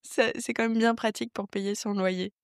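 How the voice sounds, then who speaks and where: A woman hosting a podcast, chatting warmly and encouraging her guest in a conversational interview. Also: mid-range voice, fairly even intonation, clean tone, dry recording, clean studio sound. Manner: chatty, encouraging, quick to laugh along. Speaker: podcast host.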